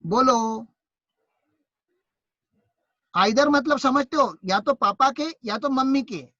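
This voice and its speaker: A man with an Indian accent teaching an online class, lively and teasing as he quizzes his students. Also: very high-pitched, a little slow, dry recording, highs cut off.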